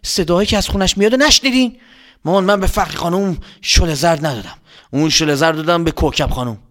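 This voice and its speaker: A man's voice: a little high, fairly bright tone, close to an everyday voice. A man voicing a frightened young boy who stammers and panics. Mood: defensive. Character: frightened young boy, jumpy and fast-talking.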